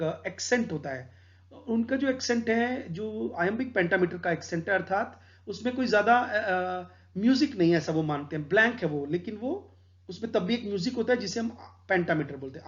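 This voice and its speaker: Man, lit teacher, high-pitched, patient explanations, slightly muffled lo-fi audio. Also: animated, moderate pace. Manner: explains patiently, mixing Hindi with English terms. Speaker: English literature teacher. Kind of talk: exam-prep poetry lecture.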